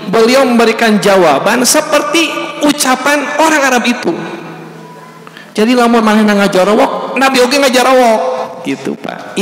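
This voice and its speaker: A man preaching with a Sundanese accent, telling a story slowly and deliberately and acting out the shouted calls in it. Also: high-pitched, a little hiss or hum. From West Java, Indonesia. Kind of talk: sermon. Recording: echoey hall with faint ambience.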